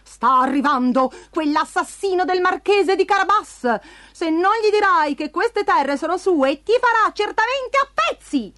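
A woman's voice: very high voice, animated, unhurried, a bit bright, pitched above the performer's own voice, full character voice. A woman voicing a sly, coaxing male cat who wears boots, with a hissing edge in a storybook reading. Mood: sly warning.

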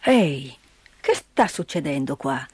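A woman voicing a grumpy old mountain grandfather in a storybook reading, low and gruff. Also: very animated, a little slow, a little mellow, heavily acted. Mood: angry.

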